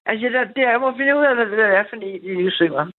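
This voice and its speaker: A woman's voice: on the high side, animated. A woman calling in to a night radio show, telling a personal story in a rambling, eager way with many restarts. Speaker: caller. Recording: tinny phone line.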